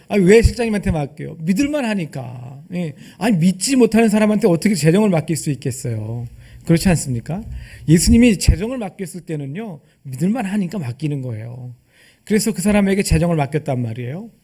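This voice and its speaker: A man's voice: high voice, a little mellow, slightly rough. A male pastor preaching a sermon, asking the congregation rhetorical questions and acting out quoted dialogue. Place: church service.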